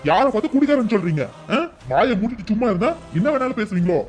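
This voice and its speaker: Brief: defiant young hothead, voiced by a man, high-pitched and quick. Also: expressive. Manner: defiant, boastful. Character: hot-headed young man accused of drinking. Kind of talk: cartoon dialogue.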